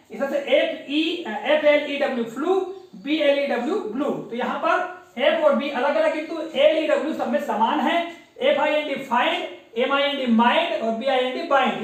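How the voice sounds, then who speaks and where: High-voiced woman teacher in an echoey classroom. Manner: spells words letter by letter, quizzes the class. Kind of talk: classroom spelling lesson. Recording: very echoey room, mic far off.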